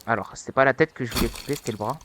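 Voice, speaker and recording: A young man giving casual let's-play commentary, taunting and excitable, with sudden high-pitched yelps. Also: racing, noisy background. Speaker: gaming youtuber.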